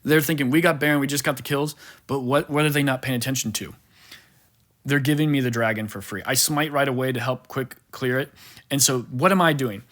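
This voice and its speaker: A man coaching gamers walks through a replay of his own play in a mid-range, slightly bright voice, a little fast. His commentary is relaxed and animated, with plenty of fillers and repetition.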